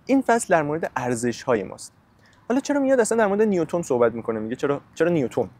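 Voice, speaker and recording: A man's voice: medium pitch, darkish tone, no echo. A man hosting a podcast, giving a casual spoken book summary and talking straight to the listener with slangy everyday examples.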